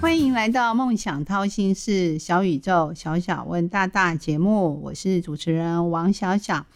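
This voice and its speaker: A woman's voice: on the low side, a little slow, soft background music. A woman with a Taiwanese Mandarin accent, hosting a casual interview show. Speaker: radio show host.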